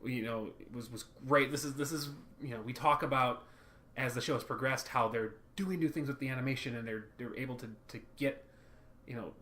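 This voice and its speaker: Podcast co-host, male, bright tone; rambling, animated recap voice. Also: mid-range voice, fairly quick. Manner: rambling, animated, acts out quotes. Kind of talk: casual chat recapping a cartoon episode.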